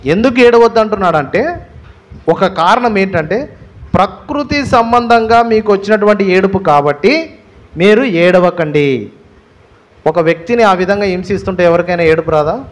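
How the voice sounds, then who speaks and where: A man's voice: high voice, normal speed. A male pastor with a Telugu accent preaching a sermon, stressing his points with repeated phrases and rhetorical questions. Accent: Telugu, Andhra Pradesh.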